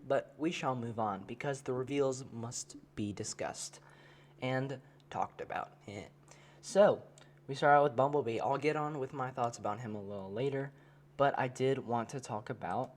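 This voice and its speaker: A man's voice: medium pitch, measured pace. A man with a congested voice, hosting a podcast and chatting casually with many fillers and restarts. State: congested, has a cold. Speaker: podcast host. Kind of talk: casual toy review chat.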